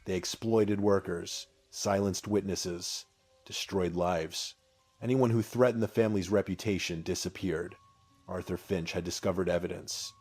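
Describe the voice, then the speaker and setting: A man with a low, weighty voice reads a scripted horror story in the first person. His delivery is solemn and measured, leaving deliberate pauses between short phrases. Soft music plays behind him. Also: steady tone, dry recording.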